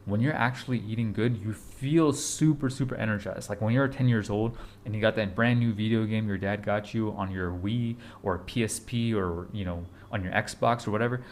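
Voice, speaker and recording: A man in his twenties giving a casual motivational talk to camera, urgent and repetitive, blunt, with casual swearing. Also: lowish voice. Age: 20s. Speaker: fitness vlogger.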